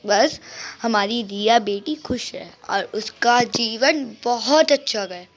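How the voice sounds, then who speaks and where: High-voiced woman playing a poor mother. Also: slow. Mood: firm. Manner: firm, comforting. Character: poor devoted mother and wife. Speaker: gaming channel host voicing a family. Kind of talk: game role-play.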